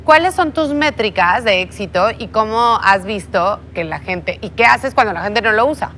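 A woman's voice: medium pitch, animated, moderate pace, fairly bright tone, a little hiss or hum. A woman with a Mexican Spanish accent, an investor on a TV panel, asking direct, probing questions. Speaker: investor judge. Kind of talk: TV business panel. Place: TV studio set. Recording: music bed under voice.

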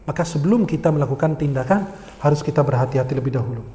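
A man preaching an Islamic sermon, telling lively stories and acting out the people in them. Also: a little high, rapid-fire. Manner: lively storytelling, acts out quoted voices, laughs. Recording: long hall reverb.

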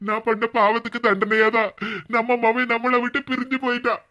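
Close to an everyday speaking voice, this mid-range performance is flat, fairly quick, and sharp in tone, though the audio is dull. It's cartoon comedy voice acting of a middle-aged husband full of remorse and tears, who laments in Kanyakumari Tamil and repeats lines mournfully.

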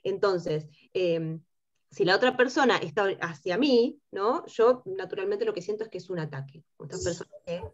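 A woman with an Argentine accent and a high-pitched timbre, teaching a workshop class and checking in with her students through rhetorical questions. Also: lively intonation, normal speed, lo-fi sound. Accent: Argentine Spanish. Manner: explains with rhetorical questions and frequent tag "¿sí?". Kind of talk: lecture to students.

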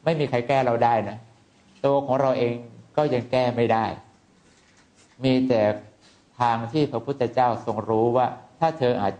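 A male Buddhist monk giving an informal dharma talk. His voice sits at an ordinary middle pitch. He talks in lively, repeating phrases and slips into mimicking the people he describes. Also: normal speed.

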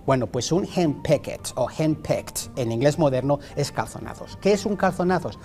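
Man, middle-aged, professorial explainer, slightly high voice, faint music behind. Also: expressive, normal speed, darkish tone. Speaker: author and guest; university teacher. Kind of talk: explanatory interview talk.

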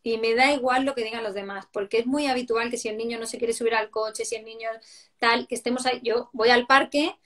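Woman, parenting educator, slightly high voice, lively and explanatory in interview. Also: fairly quick. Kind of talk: conversational interview answers.

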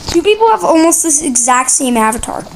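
A woman hosting a casual gameplay chat, excitable and quick to yelp when surprised. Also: sits high, poor audio. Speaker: gaming channel host. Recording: loud background noise.

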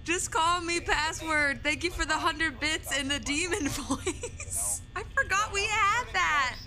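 A woman chatting on a game stream, her voice run through a slow, demonic layered voice filter. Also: extremely high pitch, pushed and bright. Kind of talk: casual stream chat.

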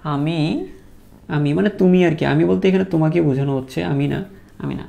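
Man, biology lecture, patient teacher, quizzes the class, repeats terms slowly, very gravelly voice. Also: on the high side, dark tone. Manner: asks the class questions and repeats terms slowly for students to echo; patient, encouraging.

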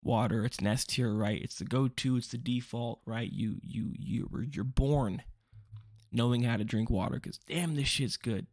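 A man's voice: mid-range voice, normal speed, a little mellow, no echo, studio quality. A young man rambling through a casual commentary video, joking and interrupting himself often. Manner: rambling, self-interrupting, jokey asides. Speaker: vlogger.

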